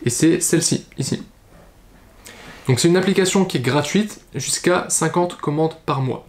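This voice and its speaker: A man talks through a screen-recorded tutorial at an ordinary middle pitch. He explains each click in a loose, chatty way, filling his pauses with hesitations. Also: a little mellow. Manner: casual, explanatory, many fillers and verbal ticks. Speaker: e-commerce tutorial host.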